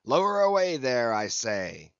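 A man voicing a thunderous whaling captain who shouts imperious orders in an audiobook. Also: medium pitch, big pitch swings, measured pace, dry recording, muffled recording. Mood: thundering. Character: commanding, thunderous male whaling ship captain. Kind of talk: dramatised audiobook character voice.

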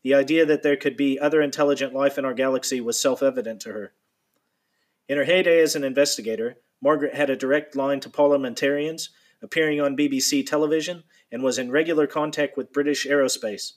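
A man reading a nonfiction account aloud in a steady, measured storytelling manner. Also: mid-range voice. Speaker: narrator.

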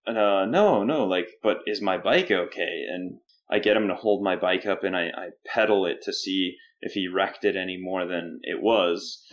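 Low-pitched young canadian man, podcast guest, animated and laughy, does the other people's voices in his stories. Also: normal speed, hardly any pauses. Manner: animated storyteller, laughs often, jumps into quoted voices. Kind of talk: casual storytelling interview.

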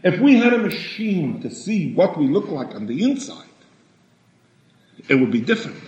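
A man giving a sermon in a halting way, often repeating words and rising in pitch for emphasis. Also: sing-song, darkish tone. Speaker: rabbi. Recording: echoey room, dull lo-fi sound.

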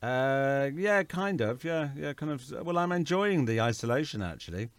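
A man from England, a guest artist, chatting in a relaxed way over a video call and laughing easily. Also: mid-range voice, moderate pace, no room sound.

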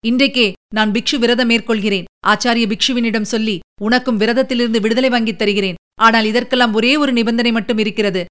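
A woman's voice: on the high side, fairly even intonation, fairly quick, a bit bright, clean tone, natural voice. A woman voicing a proud male emperor in an audiobook, speaking in a stately, formal way. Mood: earnest. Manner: stately, formal, pleading then insistent. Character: proud middle-aged male emperor, commanding. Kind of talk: audiobook character reading.

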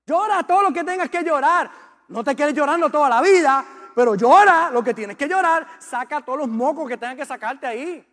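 A man's voice: extremely high pitch, expressive, a little fast, fairly bright tone. A man preaching a sermon as a pastor, impassioned and repetitive as he urges the congregation on. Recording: long reverb of a large hall.

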